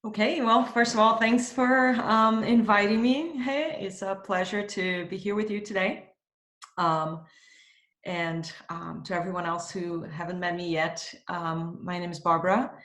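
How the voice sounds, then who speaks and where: A woman's voice: mid-range voice, fairly even intonation, measured pace, a bit bright, echoey room. A woman in her thirties, from Brazil, speaking thoughtfully with many fillers as an interview guest on a video call from home. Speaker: marketing executive guest. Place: home in Spain.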